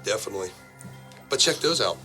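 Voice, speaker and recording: A man's voice: fairly low pitch, lively intonation, brisk, sharp tone, faint music behind, poor audio. A man co-hosting a casual show, reading news aloud in a laid-back way and tripping over words. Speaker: podcast co-host reading news. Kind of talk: casual chat.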